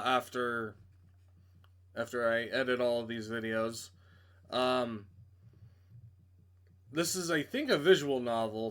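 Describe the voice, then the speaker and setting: Here a streamer with a mid-range, slightly bright voice narrates his playthrough. He gives the story text a dramatic reading, then falters and drops in casual, blunt asides.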